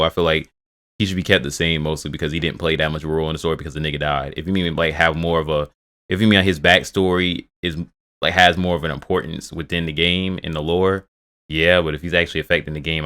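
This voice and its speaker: Low-voiced guy talking fast, cursing and rambling about a game. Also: steady tone, fairly bright tone, smooth. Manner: rambling, profane, restarts a lot. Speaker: video host reacting to game news. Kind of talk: casual reaction commentary.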